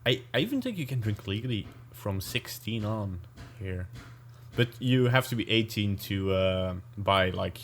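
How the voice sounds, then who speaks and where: Low-voiced Belgian man, easygoing podcast chat. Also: lively intonation, unhurried, fairly bright tone, slight background noise. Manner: easygoing, laughs often, hesitant with fillers. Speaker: podcast co-host. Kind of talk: casual chat.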